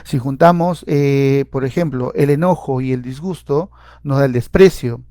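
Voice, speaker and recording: A man's voice: medium pitch, normal speed, dark tone, dry recording, studio quality. A man, a psychologist giving a seminar lecture, explaining step by step with frequent "eh" fillers and repeated words. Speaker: clinical psychologist and seminar speaker.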